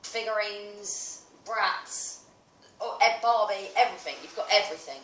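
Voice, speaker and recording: A British woman chats on a casual podcast, blunt and teasing, with the odd swear. Her voice sits at an ordinary middle pitch. She sounds distant in a reverberant room with a light hiss. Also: a little slow, fairly bright tone. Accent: British English. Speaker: podcast co-host. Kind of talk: casual chat.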